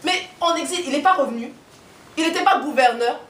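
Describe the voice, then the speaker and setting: High-pitched woman ranting hard, lots of rhetorical questions, sounds far off the mic with a faint hum. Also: a little fast, a bit bright, reverberant. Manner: fiery, rhetorical questions, emphatic repetition. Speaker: activist speaker. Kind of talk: impassioned political and spiritual monologue.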